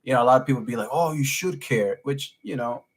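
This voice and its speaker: A man's voice: medium pitch, fast talker, breathy edge. A man in his thirties, from New York City, co-hosting a casual podcast chat in a loose, rambling way with lots of fillers. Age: 30s. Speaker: podcast co-host.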